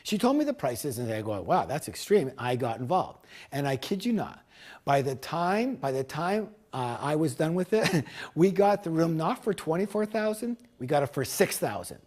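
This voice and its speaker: A man delivering an energetic sales pitch for a course. His voice sits a touch high and swings widely up and down as he leans hard on key words, often repeating them for emphasis. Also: moderate pace. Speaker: seminar speaker selling a business course.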